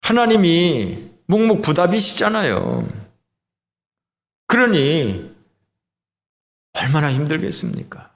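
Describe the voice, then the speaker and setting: Man, pastor, high voice, emphatic sermon, rhetorical questions. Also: huge pitch swings, slow, pauses often.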